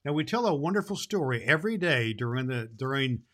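A man's voice: medium pitch, very animated, fairly quick, fairly bright tone. A man voicing a jolly, loving Santa Claus, hosting a children's show in a folksy, repetitive, theatrical way. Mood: kindly, chatty. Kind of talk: theatrical storybook podcast hosting.

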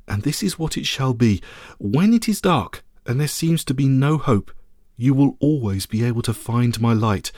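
A man's voice: medium pitch, a little mellow, no echo, studio quality, lightly acted. A man reading a story aloud, voicing a regal woman who rules by light, speaking in a solemn, ceremonial way. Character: regal commanding woman, radiant ruler of light.

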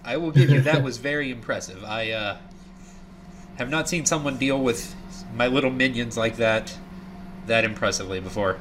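A man's voice: medium pitch, moderate pace, slight background noise, lightly acted. A man voicing a smug, mock-polite hobgoblin camp boss in a tabletop game. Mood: mock-gracious. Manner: chatty, mock-polite menace.

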